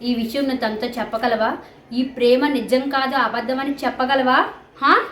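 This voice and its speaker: A woman's voice: high voice, fairly even intonation, moderate pace, a bit bright, echoey room. A woman playing a scheming young woman, taunting. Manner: taunting, challenging. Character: scheming young woman admitting her love is fake.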